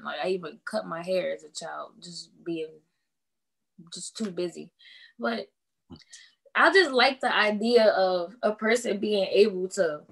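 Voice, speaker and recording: A teenage girl answering on a student panel in an eager, chatty, slangy way. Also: medium pitch. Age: teens.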